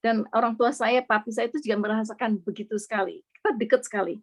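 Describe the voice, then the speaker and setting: Woman from Indonesia, middle-aged, slightly high voice, earnest conversational testimony, mixes in English words. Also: steady tone, fast talker. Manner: earnest, slips English words into her speech. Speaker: guest sharing a personal testimony.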